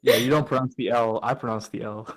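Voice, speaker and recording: A young man hosting a casual podcast chat, playful and animated, laughing as he asks questions. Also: medium pitch, fast, rough recording. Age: young adult. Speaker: podcast host asking questions.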